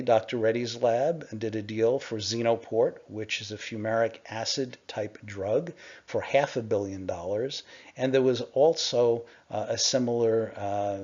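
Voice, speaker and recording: A middle-aged man on a conference call, presenting to investors in a measured, explanatory way with frequent "uh" pauses. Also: on the low side. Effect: conference call line. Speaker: company executive presenting to investors. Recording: dull lo-fi conference call audio.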